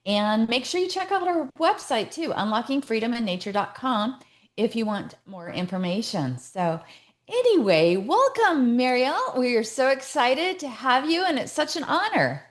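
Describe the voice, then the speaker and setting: An enthusiastic woman hosting a podcast, with a fairly high voice. She talks in a chatty, casual way while welcoming her guest. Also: big pitch swings, moderate pace. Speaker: podcast host.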